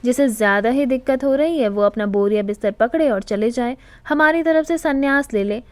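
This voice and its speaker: A woman's voice: a little high, a little fast, no echo, natural voice. A woman doing a fond indulgent old aunt.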